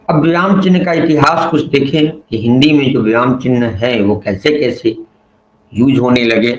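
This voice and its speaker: A man teaching Hindi grammar in a measured, explanatory way. He slows down to stress example sentences and mixes English words into his talk. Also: mid-range voice. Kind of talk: explanatory lesson. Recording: echoey room, dull lo-fi sound with faint noise.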